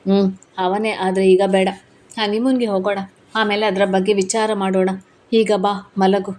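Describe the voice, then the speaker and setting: A woman voicing a gentle, patient young husband who speaks in a soothing, coaxing way. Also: mid-range voice, little pitch movement, moderate pace, lightly acted.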